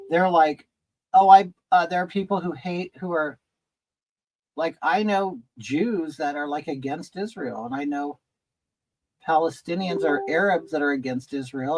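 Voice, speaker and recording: On a low-quality recording, a man whose voice sits on the high side chats with viewers during a relaxed livestream from rural California. Doing his makeup as he goes, he reads and responds to chat, rambling and hesitating with plenty of restarts.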